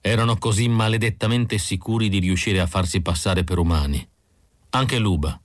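A man's voice: low-pitched, normal speed, dry recording, studio quality, close to an everyday voice. Man voicing a cold, calculating android leader. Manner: clipped, matter-of-fact.

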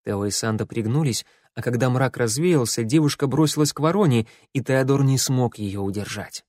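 A man reading a fantasy audiobook as narrator in a steady, measured way. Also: mid-range voice, no echo, studio quality. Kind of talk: scripted narration.

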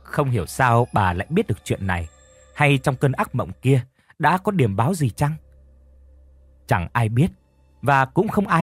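A man's voice: medium pitch, sing-song, moderate pace, long pauses, slightly rough, dry recording, soft background music. A man narrating a scripted horror story in a dramatic storytelling manner.

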